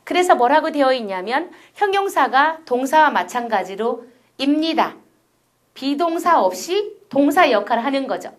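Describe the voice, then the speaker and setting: A woman's voice: high-pitched, sing-song, normal speed. A middle-aged woman giving a recorded university lecture, explaining step by step and often asking her listeners rhetorical questions.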